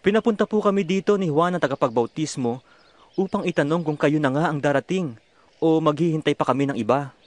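A man's voice: fairly high pitch, a little fast, natural voice. A man voicing a polite messenger disciple. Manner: polite, inquiring. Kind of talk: audio Bible drama.

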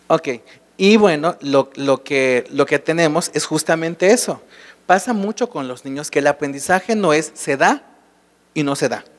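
The long reverb of a large hall follows this man as he addresses a live state-congress audience in Mexican-accented Spanish. He explains his points by repeatedly testing the room with rhetorical questions, his voice pitched fairly high for a man.

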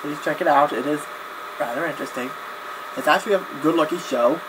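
A young adult video blogger talks casually to camera in a fairly high voice, rambling haltingly, often backtracking and repeating himself. He sits in a small, cluttered room at home, captured by a webcam at desk distance, with webcam-grade audio and clear background noise.

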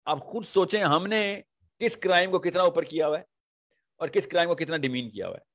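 A man's voice: on the high side, brisk. A man giving a religious lecture to an audience, telling stories vividly and asking rhetorical questions. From Pakistan. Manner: rhetorical questions and animated storytelling. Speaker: religious speaker.

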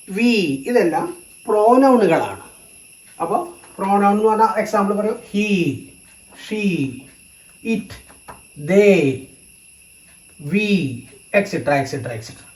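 A teacher giving a grammar lesson, slow and repetitive, stating each term in two languages. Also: mid-range voice, roomy sound, poor audio.

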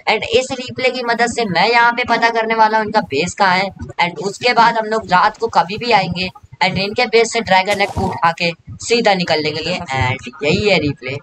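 A young man giving excited gameplay commentary as a gaming YouTuber, repeating words in a rush. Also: high-pitched, moderate pace, hardly any pauses, background noise. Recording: background music under voice.

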